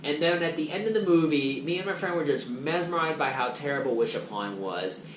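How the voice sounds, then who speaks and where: A man chatting casually and enthusiastically as he reviews movies from his collection on a vlog, his loudness swinging up and down. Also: a little high, animated, a little fast. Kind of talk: casual chat. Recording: echoey room with background noise.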